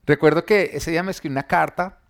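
A man's voice: a little high, quick pace, creaky. A man earnestly telling his personal faith testimony, recounting scenes and quoting what people said. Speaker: church member giving testimony.

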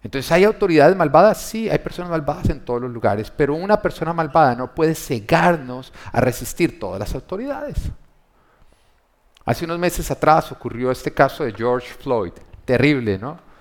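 A man's voice: on the high side, animated, moderate pace. A pastor preaching a sermon, an emphatic man who asks his congregation rhetorical questions. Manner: emphatic, swelling louder on key points.

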